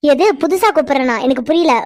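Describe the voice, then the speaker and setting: A woman's voice: high voice, fast talker, darkish tone, dry recording, natural voice. A woman voicing a grown sister in a cartoon, who scolds and teases her brothers with affection. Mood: teasing. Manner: scolding, teasing. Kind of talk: cartoon voice acting.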